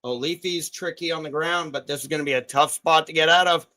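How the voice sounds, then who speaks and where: A man's voice: a little high, steady tone, fast talker, sharp tone. A man hosting a live fight stream, giving betting commentary and cheering the fighters on. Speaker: livestream host.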